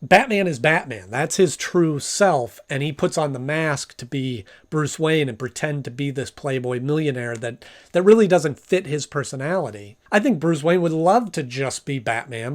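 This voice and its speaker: A man with a slightly high voice talks through a review in an informal way. He recaps and comments like someone chatting casually. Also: animated, moderate pace.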